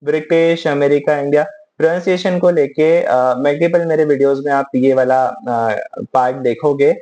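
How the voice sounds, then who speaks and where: A man's voice: on the high side, normal speed, darkish tone, highs cut off. A man with an Indian English accent teaching vocabulary in a casual, chatty way, with many fillers.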